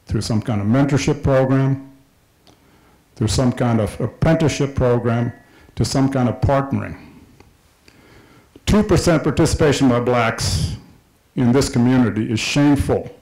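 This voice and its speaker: A middle-aged Kenyan man addresses a public session with fiery emphasis, returning repeatedly to his key points. His mid-range voice is a little mellow, and he uses a handheld microphone in a large indoor hall with a screen. The audio is poor.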